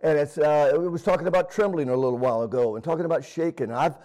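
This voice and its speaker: A middle-aged man preaching and praying in a homespun way, often pausing on "uh" and restarting his sentences. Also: a little high, mellow, rough recording. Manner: homespun, fills pauses with "uh", restarts. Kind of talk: folksy sermon with prayer and personal story.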